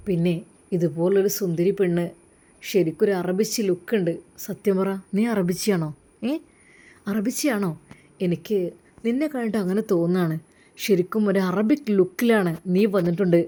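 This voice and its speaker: A woman voicing a lecherous, smooth-talking villain man in a low, wheedling tone. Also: dark tone, lightly acted.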